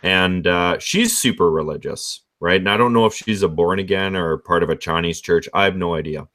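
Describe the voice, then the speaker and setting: Man, low-pitched voice, casual storytelling, rambling, frank, conversational. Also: normal speed, fairly bright tone.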